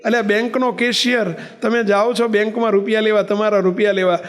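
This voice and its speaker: A preacher delivers a sermon in a high-sitting voice with a level tone, speaking a little fast. He tells a story, acting out the characters' voices, and asks his listeners rhetorical questions.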